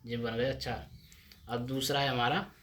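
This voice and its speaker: A man teaching a shorthand class, explaining each step slowly and answering his own questions as he writes. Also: mid-range voice, level tone, a bit bright, a little hiss or hum. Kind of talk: board lesson explaining step by step.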